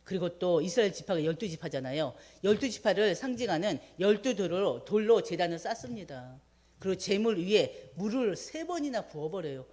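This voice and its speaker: A woman preaching a midweek sermon, retelling a scripture story with animated voices for the quoted prayers. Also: fairly low pitch, normal speed.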